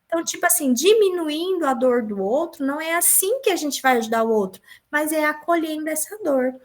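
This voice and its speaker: A woman with a high-pitched voice teaches a conversational class. She talks earnestly and personally, often tagging her sentences with a questioning "né?". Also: lively intonation, brisk. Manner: earnest, with frequent rhetorical "né?". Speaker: teacher leading an online class.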